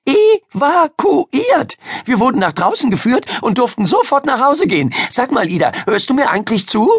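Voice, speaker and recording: A man doing Miriam, a high babbling schoolgirl. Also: very animated, fast talker, a bit bright, breathy edge, no echo, studio quality, heavily acted. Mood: excited chatter. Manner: babbling nonstop, gushing. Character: chatty excited schoolgirl best friend.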